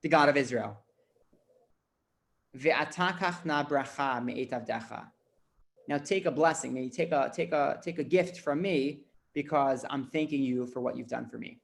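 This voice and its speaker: A man's voice: brisk, vocal fry, hardly any pauses, a little hiss or hum. A man, a rabbi, teaching a casual Bible lesson, acting out the dialogue and often repeating words as he talks. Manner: animated, repeats words, acts out dialogue with pitch jumps.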